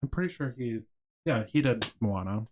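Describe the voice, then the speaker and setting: A man's voice: mid-range voice, expressive, normal speed, a little mellow, a little hiss or hum. A young adult man co-hosting a podcast, rambling playfully in casual chat and filling his talk with "like.". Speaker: podcast co-host.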